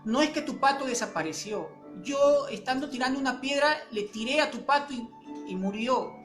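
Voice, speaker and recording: A woman's voice: sits high, lively intonation, moderate pace, faint music behind. Woman doing a guilty, fed-up little boy. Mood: remorseful. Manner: pleading, complaining. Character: young boy, upset and guilty. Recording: echoey room.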